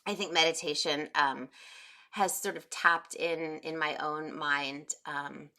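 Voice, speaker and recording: A woman in her forties leading a live guided meditation class, talking gently and unhurriedly with many pauses and fillers. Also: deep voice, fairly even intonation. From United States. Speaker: meditation teacher.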